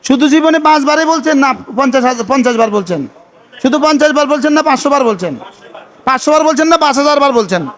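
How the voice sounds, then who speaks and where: A male preacher. He keeps quizzing his listeners with the same question and chants Arabic prayers at a slow, deliberate pace. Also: very high-pitched, expressive, a bit bright. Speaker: Islamic preacher. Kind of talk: sermon.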